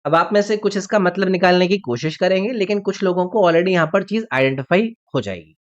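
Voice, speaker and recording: Patient male teacher quizzing his viewers. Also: high voice. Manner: explains step by step and quizzes the viewer with questions; reads example sentences slowly and deliberately. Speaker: exam-prep English teacher. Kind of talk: online exam-prep lesson. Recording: slightly dull lo-fi recording.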